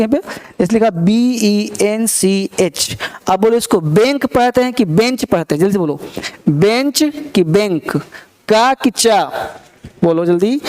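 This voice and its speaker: Male English tutor, clear high voice, repeats and quizzes constantly. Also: a little mellow. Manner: repeats words and quizzes students, drills pronunciation. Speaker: English teacher. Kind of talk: classroom grammar lesson in Hindi.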